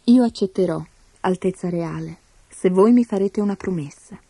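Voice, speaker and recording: Woman voicing a sly, gentle peasant girl. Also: medium pitch, moderate pace, breathy edge, no room sound. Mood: calm, sly. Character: clever, calm young peasant girl.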